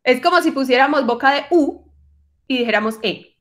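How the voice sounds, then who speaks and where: A woman teaching French pronunciation to singers over a video call, patient and encouraging, slowly demonstrating each sound. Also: high voice, animated. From Colombian Caribbean coast. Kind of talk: online workshop lesson.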